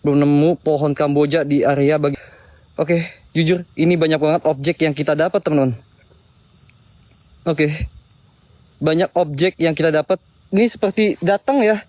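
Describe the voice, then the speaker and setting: A man's voice: a little high, steady tone, normal speed, pauses often, darkish tone. An Indonesian man hosting a ghost-hunting vlog outdoors, nervously commenting and muttering prayers as he goes. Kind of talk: live paranormal exploration commentary. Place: outdoors at night among trees. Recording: noisy outdoor recording with night insects. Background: crickets and insects.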